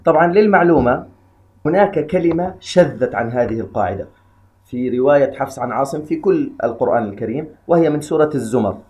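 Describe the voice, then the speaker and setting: A man patiently explains the rules of Quran recitation in a measured way, slowly chanting short verse examples between explanations. His voice is medium-pitched, animated, and a little mellow.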